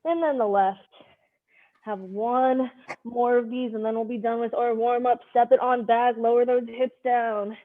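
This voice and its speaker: A woman's voice: fairly high pitch, fairly even intonation, unhurried. A woman leading a live online workout class, giving directive, short cues and counts as a fitness instructor. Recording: narrow phone-like sound.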